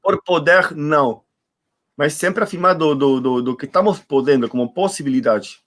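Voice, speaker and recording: Speaking at normal speed on a video call, this interview guest has a voice on the high side with a fairly bright tone. A native Spanish speaker, he reflects while groping for words and repeats them to stress his points.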